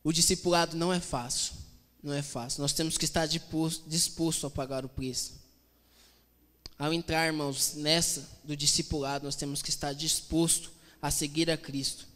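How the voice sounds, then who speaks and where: A man delivers a lively sermon in a high, bright voice, chatting and acting out scenes with humor. His preaching rings through a reverberant church. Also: moderate pace. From Brazil. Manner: conversational, animated, acts out quotes with humor.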